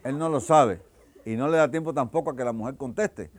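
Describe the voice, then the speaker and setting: A man telling stand-up jokes, acting out characters and jumping loud and high for the punchlines. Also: fairly quick. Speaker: stand-up comedian.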